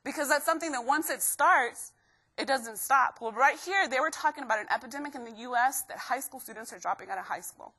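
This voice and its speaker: A young woman from Guatemala giving an energetic live motivational talk to students, constantly asking the crowd questions. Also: high voice, quick pace, breathy edge. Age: young adult. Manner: energetic, keeps quizzing the crowd. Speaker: motivational speaker.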